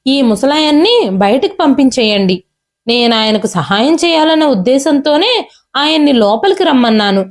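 A woman's voice: sits high, animated, normal speed. A woman storyteller voicing a cruel, arrogant grown son who talks down to his father harshly. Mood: shouting. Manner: harsh, dismissive, yelling.

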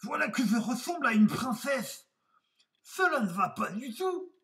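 Fussy vain storybook wolf, male, squealing high, loud dramatic outbursts, mic a bit far off. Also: big pitch swings, a little slow, full character voice. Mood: outraged.

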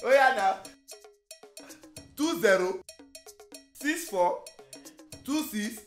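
A man with a Nigerian Pidgin accent playing a clothes seller, haggling and teasing, calling out loudly. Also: high-pitched, animated, drawn-out words, reverberant, soft background music. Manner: haggling, teasing, loud calls. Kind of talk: comic skit acting.

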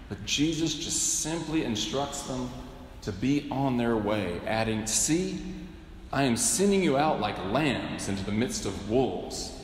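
Bishop preaching in an echoing cathedral. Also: male voice, medium pitch, noisy background. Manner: measured, with wry humor and rhetorical questions. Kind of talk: sermon. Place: large cathedral, indoors. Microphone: pulpit microphone. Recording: echoey cathedral with long reverb.

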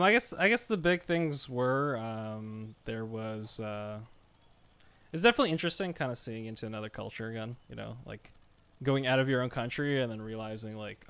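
A young streamer talks loosely and rambles while playing a game in a small home room. His mid-range voice comes across a bit bright, clear and resonant.

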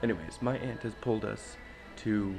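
A young man from Canada vlogging casually, his voice hoarse and raspy from being sick, rambling with lots of fillers. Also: on the low side, moderate pace, darkish tone, soft background music, low-quality recording. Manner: rambling, filler-heavy talk. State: sick, rough voice. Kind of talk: casual vlog.

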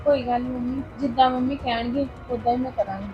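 An actress playing a young daughter-in-law, meek and hurt. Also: female voice, sits high, fairly even intonation, fast talker, lo-fi sound, soft background music, natural voice. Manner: meek, complaining.

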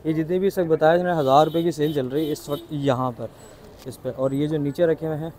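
A man, his voice sitting slightly high, talks enthusiastically about what he sees. He is filming himself on a handheld phone while walking through an outdoor city bazaar, often repeating prices as he goes. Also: steady tone, quick pace, darkish tone, a little hiss or hum. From Pakistan. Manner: chatty, enthusiastic, repeats prices, asks shopkeepers questions. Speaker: vlogger touring a market. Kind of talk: casual walking market tour vlog.

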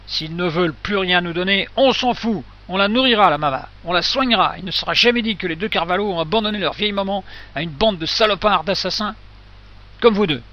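Man plays loud, threatening burly brothers; sharp, muffled read. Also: high voice, brisk. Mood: furious. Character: burly, furious grown-up brothers.

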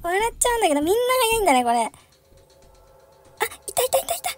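A woman's voice: very high-pitched, big pitch swings, quick pace. A young woman commentating a horror chase game, giggling often and shrieking when chased. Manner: giggly, frequent laughter, shrieks in panic. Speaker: game streamer. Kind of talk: let's-play commentary.

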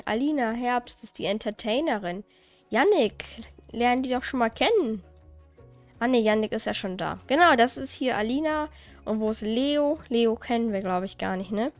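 A woman hosting a let's play, giving casual, chatty commentary as she plays, often exasperated and swearing lightly. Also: on the high side.

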